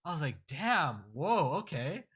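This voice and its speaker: A young man hosting a podcast, chatting casually in a relaxed, laid-back way with slang. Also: on the high side, a little slow, husky. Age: young adult. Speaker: podcast host. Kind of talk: casual chat.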